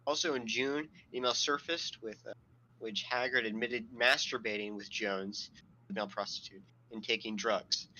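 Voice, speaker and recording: Bright, sardonic man reading quotes aloud. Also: medium pitch, fairly even intonation, normal speed, dull audio, slight background noise. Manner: reads quotes aloud, laughing often. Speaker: podcast co-host. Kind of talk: casual podcast chat.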